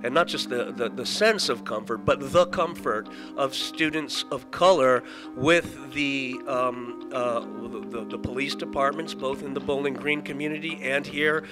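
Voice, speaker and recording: A man who speaks haltingly with many restarts in a documentary interview. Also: medium pitch, steady tone, music in the background. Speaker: assistant professor.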